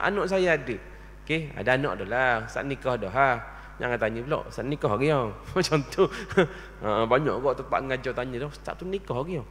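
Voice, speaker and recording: A man's voice: a little high, a bit bright. A man, giving a mosque lecture that answers its own questions and keeps asking if listeners understand. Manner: rhetorical questions answered himself, checks understanding. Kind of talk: religious lecture. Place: mosque hall. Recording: long reverb of a large hall.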